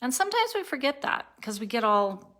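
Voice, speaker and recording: A woman in her sixties, born in Turkey, raised abroad and now living in Colorado, rambles through her daily video diary, tired and a little spacey, correcting herself and laughing at her own slips. Her high-pitched voice is very animated, fairly bright and a little fast.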